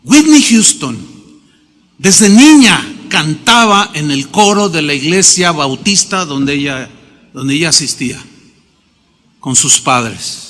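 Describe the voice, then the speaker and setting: A man's voice: fairly high pitch, animated, takes it slowly, fairly bright tone. A middle-aged man preaching a sermon, telling stories emphatically and acting out the quotes himself. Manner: emphatic, storytelling with acted quotes. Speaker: pastor. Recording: long reverb of a hall.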